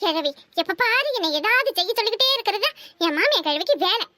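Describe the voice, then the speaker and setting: A woman gives an exaggerated cartoon performance of a scheming, domineering young married woman, speaking with a Kanyakumari Tamil accent. Her very high voice is animated, bright, and forceful as she scolds in quick chatter, recorded at studio quality with no room sound.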